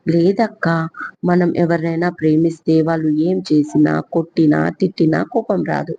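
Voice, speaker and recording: Woman putting on a giddy teen girl, bubbly, boastful, slow sing-song lines, lo-fi story audio. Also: low voice, flat delivery, creaky, mellow, slightly rough, heavily acted. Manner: bubbly, mixing in English phrases. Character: lively teenage girl, giddy and proud.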